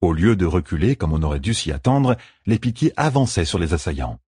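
Deep-voiced guy reading an audiobook, husky, lots of rise and fall. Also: expressive, brisk, a little mellow, no echo, clean studio sound. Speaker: audiobook narrator. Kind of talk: audiobook narration.

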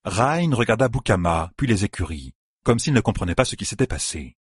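Deep, husky male audiobook narrator. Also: sing-song, dry recording, clean studio sound. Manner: measured storytelling, quoting characters. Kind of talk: scripted fantasy narration.

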